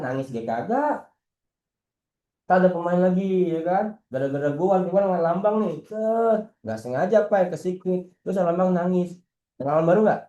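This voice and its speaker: Male coach, casual and teasing, lively delivery, roomy echo. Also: high-pitched. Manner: lively, slangy, teasing, asks rhetorical questions. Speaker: football coach. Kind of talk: casual internal coaching meeting.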